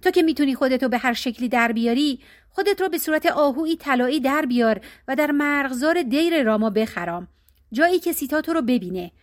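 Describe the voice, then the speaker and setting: A woman's voice: high-pitched, animated. A woman voicing an arrogant male demon king who gives commands and threatens, in a storybook reading. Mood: commanding. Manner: commanding, menacing.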